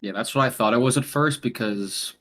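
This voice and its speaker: A man's voice: medium pitch, brisk, fairly bright tone. A man playing a tabletop game, chatty and joking, slipping in and out of his character. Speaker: player. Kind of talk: casual tabletop game chat.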